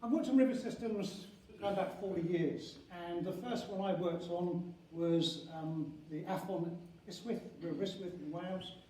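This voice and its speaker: An older man, a university professor and head of a geography school, lectures at an academic conference in a high, soft-edged voice, proceeding haltingly, restarting phrases and leaning on key terms. He's in a large, very echoey indoor venue, picked up by a distant mic with heavy reverberation and faint noise.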